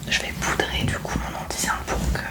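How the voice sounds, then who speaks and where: A young woman whispering casual ASMR chat into a close microphone while doing her makeup at home, chatty and self-mocking. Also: brisk. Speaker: ASMR creator.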